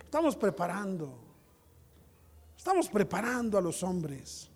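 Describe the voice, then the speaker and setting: A male pastor preaching a sermon, moving from soft storytelling to loud exhortation. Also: high voice, sing-song, unhurried, breathy edge, big-room sound.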